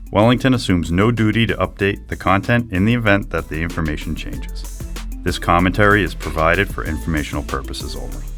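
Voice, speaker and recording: A man reading a legal disclaimer at the end of a podcast in a steady, formal way. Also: sits low. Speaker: disclaimer announcer.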